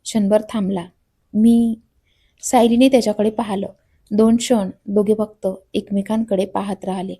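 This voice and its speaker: A woman's voice: mid-range voice, steady tone, normal speed, dark tone, breathy edge. A woman reading a romantic story aloud as narrator, speaking every character's lines in her own voice. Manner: reads all characters' dialogue in her own voice.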